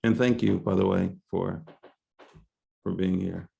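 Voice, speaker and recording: Man, gravelly voice, low pitch, halting panel moderator, video call. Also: fairly even intonation, mellow. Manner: searching, halting, many restarts.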